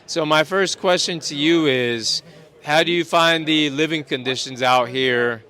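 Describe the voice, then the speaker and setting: A man's voice: on the high side, a little slow, bright, forceful tone. A man from New York casually interviewing people on a city street, nodding along with short replies. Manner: casual, frequent short acknowledgements. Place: busy city street outdoors. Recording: noisy crowd around. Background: crowd chatter.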